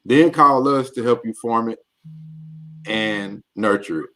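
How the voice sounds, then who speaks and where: A man co-hosting a relaxed talk show, upbeat and playful with the guests and listeners. His pitch is ordinary and middle-range. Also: a little slow, slight background noise. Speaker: co-host. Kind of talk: casual podcast chat.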